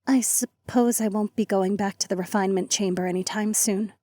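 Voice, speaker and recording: A humble, earnest young alchemist girl in a fantasy audiobook, read by a woman. Her voice sits a touch higher than the narration and is recorded dry and close. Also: fairly even intonation, brisk, warm tone, no room sound, natural voice. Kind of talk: audiobook character voice.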